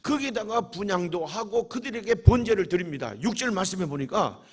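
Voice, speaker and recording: A male pastor delivers a fervent sermon, his voice sitting high for a man and slightly husky. He preaches with dramatic rhetorical questions, and his pitch rises and falls widely as he presses his points. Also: lively intonation, a little fast.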